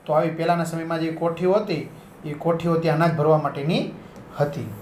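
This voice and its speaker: A man's voice: a little high, fairly even intonation, brisk, a little mellow, a little hiss or hum. A male teacher explaining a school lesson, repeating and rephrasing each line and checking in with his students. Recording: echoey room.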